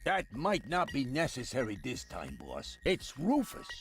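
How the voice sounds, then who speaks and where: A man's voice: medium pitch, wildly swooping pitch, a little slow, soft background music. A man voicing a polite, dry-witted eccentric scientist in a video game.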